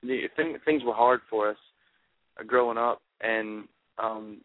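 A man with a Southern, Alabama hillbilly accent gives a casual interview. His voice sits fairly low and he talks haltingly, repeating words. The sound is thin and narrow, like a phone call into a radio show. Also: no room sound. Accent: Southern US, Alabama hillbilly twang. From Alabama, United States. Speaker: interview guest, rock band lead singer.

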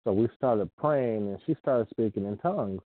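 With a fairly low, expressive voice, an Ohio preacher gives a sermon that is informal yet earnest, weaving in scripture readings. His pace is unhurried, and he circles back to the same phrases. The audio is dry and phone-like, with no room sound.

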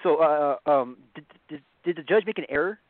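A man phones in to a radio show, and his voice comes through a narrow, tinny phone line with no room sound at all. He sits a bit high for a man and talks haltingly, stumbling over words and stammering through fillers. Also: expressive, no echo. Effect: phone-line call-in audio.

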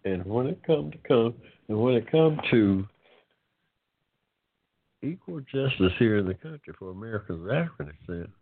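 An older man in his seventies hosts an online forum in a loose, unhurried monologue. His voice sits low, and he takes his time, pausing and stretching his words as he reflects. The sound is thin and boxy, like a phone call. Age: 70s. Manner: unhurried and reflective, with many pauses and drawn-out words. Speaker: host of an online talk forum. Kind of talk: casual monologue. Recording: tinny phone-line sound.

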